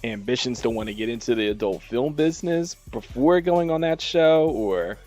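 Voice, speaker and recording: Man, radio host, mid-pitched voice, casual interview, relaxed rambling questions. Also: normal speed, soft background music. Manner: laid-back, loose questions.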